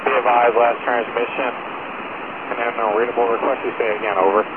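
A man's voice: medium pitch, fairly quick. A man working as a radio operator, answering in clipped, businesslike military-style procedure over a two-way radio. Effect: two-way radio transmission. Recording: crackly narrowband radio with steady noise.

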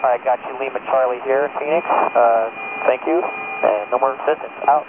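A man's voice: medium pitch, moderate pace. A man working as a radio operator, speaking in clipped, formal military-style procedure over a two-way radio. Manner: clipped call-and-response phrasing. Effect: two-way radio transmission. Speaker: radio operator requesting radio checks. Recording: crackly narrowband radio, loud engine-like noise.

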